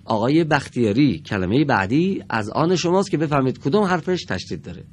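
A man teaching a televised classroom lesson in a studio, patient and encouraging with the pupils, drawing out each example word slowly and deliberately. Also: mid-range voice, sing-song, husky.

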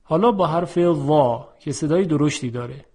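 A man teaching pronunciation for Quran recitation, explaining each letter calmly and then drawing out example words slowly, each one said twice. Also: fairly high pitch, husky.

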